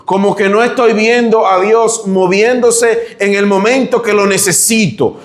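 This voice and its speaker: Dominican male pastor, high voice, fervent sermon delivery, echoey room. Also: fairly even intonation, a little slow. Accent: Dominican Spanish. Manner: impassioned preaching, rising when voicing pleas.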